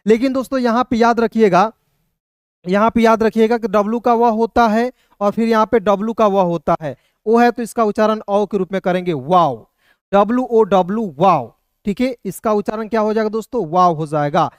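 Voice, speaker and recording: Smooth-voiced man teaching step by step. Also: sits high, no echo, studio quality. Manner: keeps asking the viewers quick check questions and answering them himself; patient, repetitive step-by-step explaining. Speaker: English teacher. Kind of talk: explanatory video lesson.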